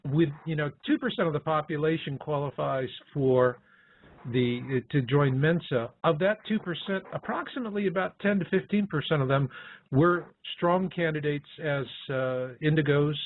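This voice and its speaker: A man's voice: on the high side, moderate pace. A man hosting a radio talk show, explaining his points in a conversational way. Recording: tinny phone-like sound.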